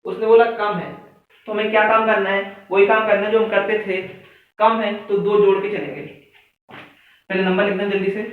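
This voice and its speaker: High-voiced man teaching in echoey room. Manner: counts aloud step by step, asks students questions. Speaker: maths teacher. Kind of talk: classroom lesson explanation. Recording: echoey room, far mic, phone-like sound.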